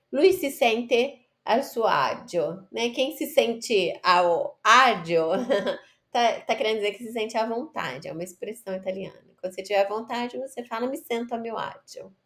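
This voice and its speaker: A woman gives an Italian lesson in at an unhurried pace. She reads short lines of Italian, then translates and repeats each word to drill the pronunciation. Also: mid-range voice. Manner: explains Italian words in Portuguese, repeats and corrects pronunciation. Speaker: Italian teacher. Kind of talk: online language lesson.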